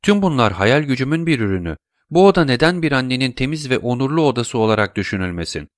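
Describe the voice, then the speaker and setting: A man voicing a calm, mysterious count with a measured, insinuating manner. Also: medium pitch, no room sound, studio quality, pitched above the performer's own voice, lightly acted. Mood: soothing.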